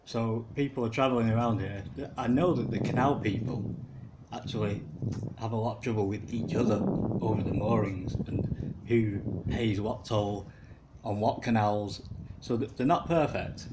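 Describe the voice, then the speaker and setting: Guy chatting his way along a canal, lowish voice, noisy outdoor sound. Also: steady tone, normal speed. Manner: rambling, chuckling asides. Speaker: canal walk video maker. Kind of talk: casual walking commentary.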